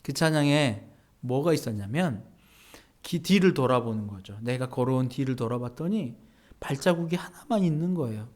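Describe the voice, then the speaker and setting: A man, a pastor, preaching an earnest sermon straight to his congregation, dropping to hushed near-whispers and then rising to emphatic peaks. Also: medium pitch, animated, moderate pace. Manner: earnest, addresses the congregation directly.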